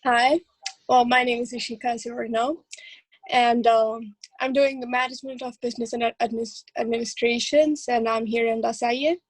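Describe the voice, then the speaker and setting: A woman's voice: fairly high pitch, flat delivery, brisk, no echo, low-quality recording. A young woman from Spain, a university student, chattily introducing herself and stumbling over words on a video call. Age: young adult.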